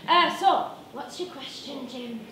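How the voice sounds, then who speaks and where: A woman's voice: high-pitched, a little slow, pushed and bright. A woman playing a brash, cheeky dating show host in a stage comedy sketch, announcing in a showy, teasing way. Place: small brick-walled indoor stage. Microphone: camera at a distance. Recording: echoey noisy live stage recording.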